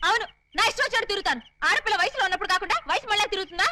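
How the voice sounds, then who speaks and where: An actress in a Telugu comedy film playing a defiant young woman who argues rapidly with her brothers. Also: very high-pitched, animated, bright, forceful tone, slight background noise, heavily acted.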